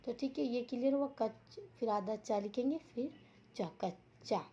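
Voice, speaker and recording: A woman teaching young children in a slow, deliberate way, repeating each word and asking questions as she goes. Her voice sits a little high. The recording is dull and lo-fi. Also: dark tone, a little hiss or hum. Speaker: school teacher. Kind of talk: online Hindi lesson for young children.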